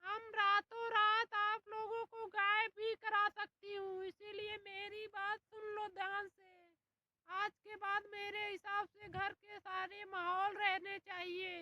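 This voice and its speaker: Brash young bride voiced by a woman, high, flat delivery, slow and cutting. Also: highs cut off. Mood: defiant. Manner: brash, threatening, ends lines with "theek hai?". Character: sharp-tongued young daughter-in-law, defiant and boastful.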